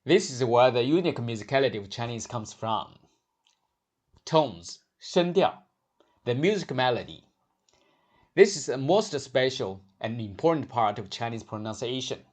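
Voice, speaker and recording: A man teaching a scripted lesson on Mandarin pronunciation, speaking in a measured way and sounding out each syllable slowly and clearly. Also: medium pitch.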